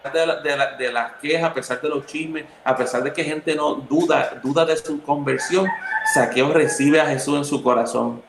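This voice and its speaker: A man with a Puerto Rican accent chats about faith and tells stories, acting out the voices of the people in them. His voice is gravelly and sits somewhat high. He was recorded in an echoey room. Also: normal speed, background noise. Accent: Puerto Rican Spanish. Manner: lively storyteller who acts out the quoted people. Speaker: youth talk co-host. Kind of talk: casual spiritual conversation with storytelling.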